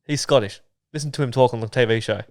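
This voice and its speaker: A man's voice: mid-range voice, quick pace. An Australian man co-hosting a podcast, telling laid-back anecdotes with casual swearing. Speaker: podcast co-host. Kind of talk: casual banter.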